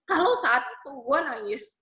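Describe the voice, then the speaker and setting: A woman's voice: sits high, expressive, a little slow, bright, forceful tone, echoey room, low-quality recording. A woman in her twenties from Bangka, Indonesia, telling her life story with emotion and many fillers. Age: 20s. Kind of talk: personal testimony talk.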